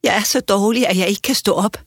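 A man's voice: high-pitched, slightly rough, no echo, studio quality, pitched above the performer's own voice. A man voicing a frail, kindly old grandmother in a storybook reading, in a raised, quavering voice. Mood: feeble.

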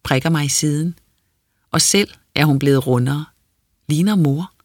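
Here a narrator with a middle-pitched, slightly husky voice reads an audiobook's first-person prose in a quiet, measured, introspective manner. The sound is close and dry, with no room sound.

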